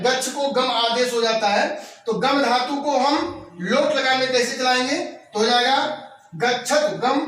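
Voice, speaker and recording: Guy teaching sanskrit grammar, real high voice, super slow drilling of verb forms, echoey room, far from mic. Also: fairly bright tone. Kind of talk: classroom grammar lesson.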